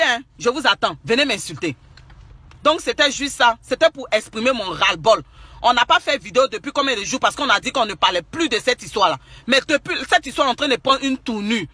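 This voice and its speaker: Ivorian-accented man, very high pitch, scolding preachy online rant, dry close mic. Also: animated, fairly quick, sharp tone, dry recording. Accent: Ivorian French. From Côte d'Ivoire. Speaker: social media commentator. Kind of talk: angry rant to online followers.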